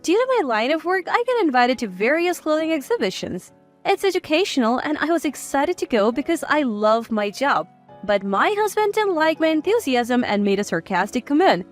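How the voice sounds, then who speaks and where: Woman, 60s, narrator of a family story; high, animated delivery. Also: normal speed, faint music behind. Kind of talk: scripted first-person story narration.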